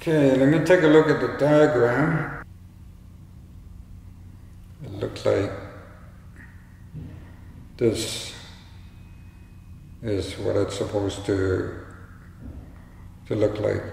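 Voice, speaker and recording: A man giving a casual, unscripted do-it-yourself demonstration in a halting, tentative way, with a strong canyon-like echo in a bare room. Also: medium pitch, flat delivery, vocal fry, darkish tone. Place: bare, echoey indoor room. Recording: strong echo, hollow reverberant room, faint noise.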